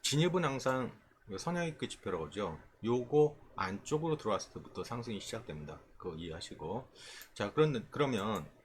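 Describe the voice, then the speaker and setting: A stock trading instructor with a fairly deep voice walks through chart settings in an informal screen tutorial, with noticeable noise in the background. He talks fairly quickly in a sing-song way, his pitch rising and falling a lot, and explains one step at a time, often stopping mid-phrase before carrying on.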